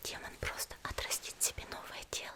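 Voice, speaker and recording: A woman lightly acts the part of a petite, gentle, elegant female demon slayer, whispering through an ASMR roleplay. The tone is calm and confiding, soft and reassuring, never rushed.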